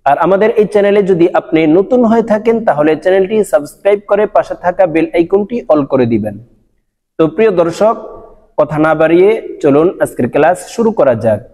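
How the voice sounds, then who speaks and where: A man teaching a recorded Quran recitation lesson, drawing out and repeating each syllable slowly. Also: high-pitched, expressive, dark tone, big-room sound. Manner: slow, drawn-out syllable drills, repeating each sound.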